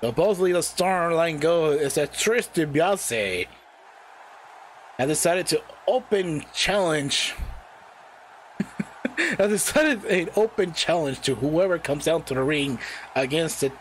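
A man's voice: on the high side, animated, slow pace, pauses often, slight background noise. A man doing casual, rambling commentary on a live stream, giggling often and apologizing with a laugh. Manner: giggly, rambling, self-deprecating. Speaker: wrestling commentator.

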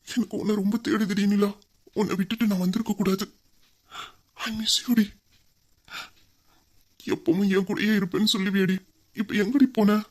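A performer voices a young husband in an audio drama, a man who misses his wife. His voice sits at an ordinary middle pitch. He talks in an emotional, intimate and endearing way. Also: a little mellow, lightly acted. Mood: longing.

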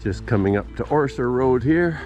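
With lively intonation and a moderate pace, the older man's medium-pitched voice muses casually and understatedly as he vlogs his walk through the rain on a rural trail, handheld camera at arm's length. The highs are cut off and faint music plays behind.

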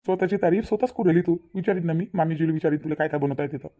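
A woman voicing a cartoon character with rapid, teasing talk. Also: deep voice, mellow, dull audio. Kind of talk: Marathi cartoon voice acting.

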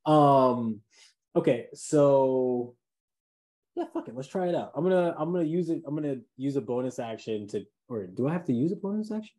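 A man's voice: mid-range voice, expressive, moderate pace, mellow. A man chatting casually as a tabletop game player, thinking aloud hesitantly. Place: indoors at home, on a video call.

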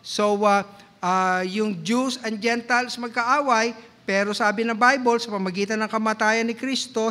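A Filipino pastor preaching a sermon in mixed Tagalog and English, teaching like a lecturer and often checking in with the congregation. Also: male voice, sits high, a bit bright. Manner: teacherly, asks the congregation questions and checks in with "okay?"; slow, deliberate delivery with drawn-out quoted verses. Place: church sanctuary.

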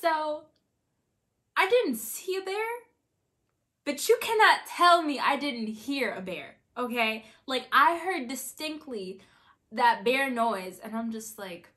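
A young woman in her twenties telling a story in a casual, animated way, acting out her own quotes with lots of filler words. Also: high-pitched, slow pace. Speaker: vlogger.

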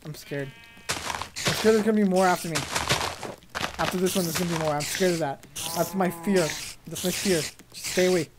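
Young woman, gameplay commentator, lower register, nervous and exclamatory, light noise on the desk mic. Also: normal speed, pauses often. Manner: jumpy, frightened and exclaiming.

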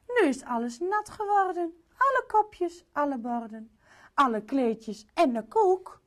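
A woman's voice: sits high, sing-song, slow, pitched above the performer's own voice, exaggerated voice. A woman voicing a bossy queen who scolds, in a picture-book reading for children. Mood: scolding. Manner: sharp, scolding, then soothing. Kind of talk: storybook voice.

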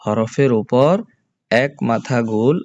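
A man teaching a reading lesson, slowly spelling out letter sounds one by one and repeating each answer. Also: medium pitch, fairly even intonation, a little mellow, lo-fi sound. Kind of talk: slow drilled recitation lesson.

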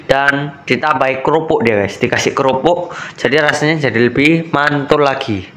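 A man's voice: mid-range voice, moderate pace, fairly bright tone, slight background noise, poor audio. A young man, chatting casually through a food review at an outdoor cafe at night and saying "guys" again and again. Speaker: food vlogger.

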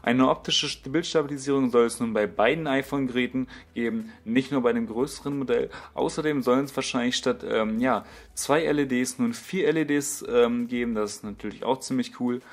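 A man's voice: medium pitch, brisk, hardly any pauses. A young man doing a casual tech voice-over, hesitant and full of fillers and restarts. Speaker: tech YouTuber.

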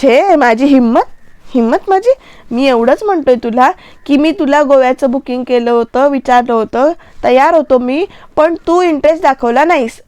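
A woman's voice: sits high, a little mellow, no room sound, close to an everyday voice. A woman quoting a defensive young husband. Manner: slow, plain quoted delivery.

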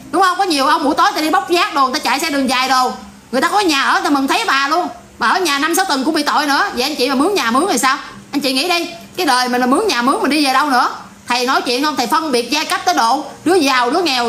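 A woman's voice: high-pitched, a little hiss or hum. A woman with a Southern Vietnamese accent ranting bluntly and casually to her viewers in a vlog. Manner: blunt, animated, repetitive ranting. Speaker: vlogger.

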